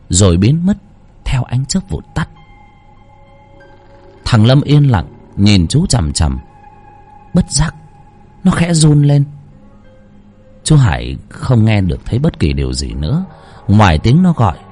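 Man, horror story narration, husky, lively pitch, dramatic, faint background music. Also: a little slow, pauses often. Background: soft music.

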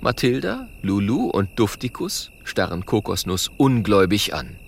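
A man reading a children's story aloud in an animated, expressive way. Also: fairly low pitch, normal speed, gravelly, slight background noise. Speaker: narrator.

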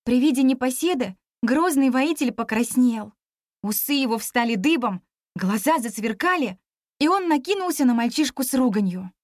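A woman narrating a children's storybook in the first person, expressive and clear. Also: high voice, moderate pace, dry recording, studio quality. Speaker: audiobook narrator.

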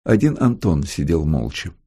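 A man reading a novel aloud in a calm, even storytelling manner. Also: rumbling low, normal speed, husky. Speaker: audiobook reader. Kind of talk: audiobook narration.

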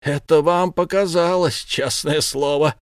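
A man's voice: on the high side, steady tone, a little slow, no room sound, clean studio sound, pitched above the performer's own voice, lightly acted. A man voicing a defiant tortured young man. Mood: defiant strained. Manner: defiant, strained shouts.

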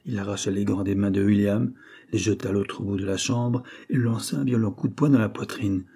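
Man reading an old novel aloud, low dark husky voice, steady and measured. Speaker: audiobook reader. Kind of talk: scripted narration.

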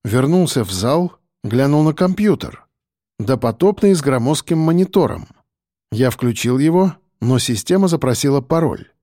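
A man narrating an audiobook in a steady, even storytelling voice. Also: mid-range voice, moderate pace, no room sound, clean studio sound.

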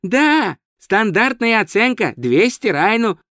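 A man's voice: sits high, sing-song, slow pace, bright, forceful tone, dry recording, studio quality, pitched above the performer's own voice, heavily acted. A man voicing an eager, naive male tourist who talks in a polite, earnest, chatty way.

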